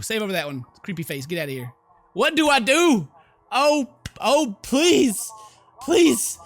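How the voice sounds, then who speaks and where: A gaming video host with a very bright, fairly high voice plays through a horror game, theatrically narrating its story and reacting with exclamations of his own between the lines.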